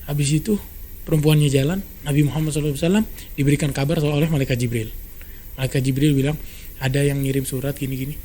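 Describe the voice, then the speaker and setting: A man tells a story in a relaxed podcast conversation. His speech is fast and animated, and his voice sits a little high. Faint ambience hums under the recording. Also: a little hiss or hum. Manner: brisk, animated retelling with quoted dialogue. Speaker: storyteller guest.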